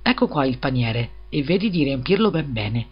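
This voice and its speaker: A man's voice: medium pitch, big pitch swings, moderate pace, slightly rough. Man voicing a greedy, preachy fairy-tale miller. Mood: predicatorio. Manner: wheedling, preachy. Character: greedy, self-serving, smooth-talking male miller. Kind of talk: storybook reading. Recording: slightly dull lo-fi recording.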